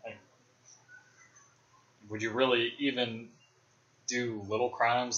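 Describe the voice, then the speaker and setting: A young man hosting a podcast chats loosely about films, speculating and rambling with plenty of fillers. He has a fairly low, slightly bright voice, captured in roomy, dull lo-fi podcast sound.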